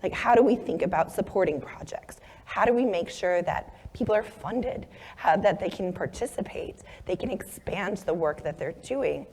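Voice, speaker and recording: Hoarse woman with laryngitis, reverberant hall. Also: on the low side, lively intonation, normal speed, a little mellow. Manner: earnest, apologetic. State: laryngitis, shaky voice. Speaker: co-facilitator and speaker. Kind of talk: conference talk.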